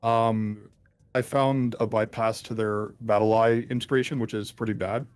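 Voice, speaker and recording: Hacker man through a deep voice changer. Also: steady tone, a little slow, a little mellow, clean tone, no echo. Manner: hesitant, rambling, many ums and restarts. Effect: voice changer, deep pitch-shifted. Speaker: interviewed hacker. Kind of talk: casual call-in interview.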